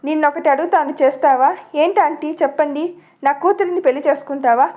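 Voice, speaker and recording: A woman's voice: sits high, fast, darkish tone, muffled recording, close to an everyday voice. Woman reading a stern, determined mother. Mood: insistent. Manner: commanding, insistent.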